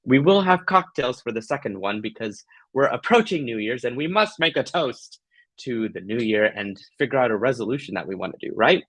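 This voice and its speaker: A man's voice: medium pitch, lively intonation, a little fast, a bit bright, dry recording. A man hosting a live craft tutorial, chatting casually to viewers in a gushing, affectionate, playful way. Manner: giggly, playful.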